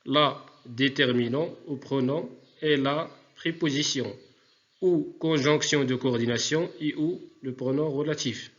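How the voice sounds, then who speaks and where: A man teaching a remote spelling lesson to pupils, speaking deliberately and repeating words for dictation. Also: medium pitch, muffled recording.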